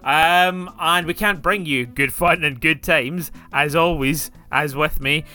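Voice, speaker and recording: Joking Scottish podcast host, bright voice. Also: male voice, a little high, slow. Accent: Scottish, Glasgow. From Scotland. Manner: joking, swearing, stumbling over his intro. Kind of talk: casual chat.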